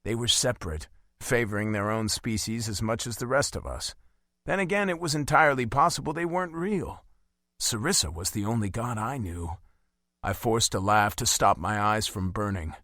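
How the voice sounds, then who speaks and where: Man narrating, wide-ranging expressive voice. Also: fairly low pitch, normal speed, dry recording, clean studio sound. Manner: expressive, emotive reading. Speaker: audiobook narrator. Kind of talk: first-person audiobook narration.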